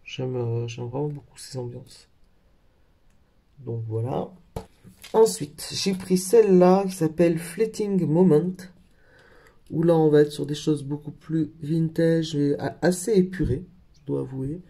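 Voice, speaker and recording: Gravelly, mellow-voiced man chatting about crafts. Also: a little high, unhurried. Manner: hesitant, with frequent fillers and self-corrections. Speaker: craft vlogger. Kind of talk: casual haul video show-and-tell.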